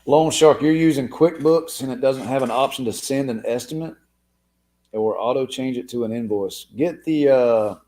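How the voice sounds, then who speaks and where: A man's voice: medium pitch, normal speed, darkish tone. A man hosting a casual live Q&A stream, answering viewer comments in a laid-back way and calling listeners man and dude. His voice is wearing thin. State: losing his voice.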